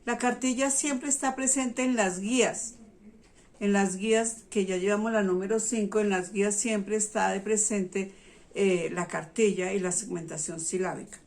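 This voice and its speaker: A middle-aged woman teacher patiently explaining a reading method to parents, often pausing to check they follow. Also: mid-range voice, fairly even intonation, darkish tone.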